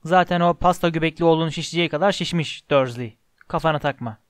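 A man reading an audiobook voices a huge, hot-tempered but kind giant gamekeeper who booms and roars indignantly. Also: fast, clear, resonant tone, no echo, clean studio sound, natural voice. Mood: gruff, friendly. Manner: booming and indignant. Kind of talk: audiobook character voice.

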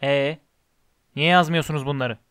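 A man voicing a cold, sneering middle-aged potions master in an audiobook, speaking in a low, quiet, contemptuous drawl. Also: fairly even intonation, moderate pace, smooth, no echo, clean studio sound, natural voice. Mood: scornful. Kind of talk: audiobook character reading.

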